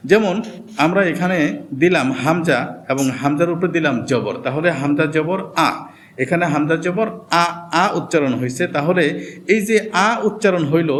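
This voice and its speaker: A man teaching Quran reading, going slowly through each point and sounding out the letters one by one. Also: a little high, slight background noise. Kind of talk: slow step-by-step lesson.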